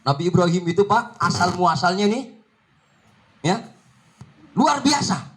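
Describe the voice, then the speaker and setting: High-voiced joking preacher. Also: male voice, animated, unhurried, fairly bright tone. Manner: joking, teasing the audience with rhetorical questions. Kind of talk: humorous sermon.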